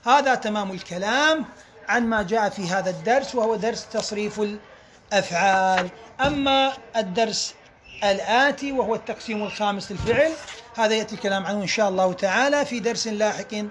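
A man's voice: sits high, quick pace, fairly bright tone, a little hiss or hum. A man teaching a grammar lesson, reading rules aloud and explaining them through repeated examples.

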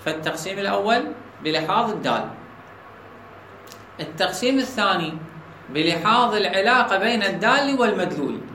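High bright Iraqi man teaching logic. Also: lively intonation, a little fast, long pauses, a little hiss or hum. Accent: Iraqi Arabic. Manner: asks students checking questions. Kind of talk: logic lesson to students. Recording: echoey room with faint ambience.

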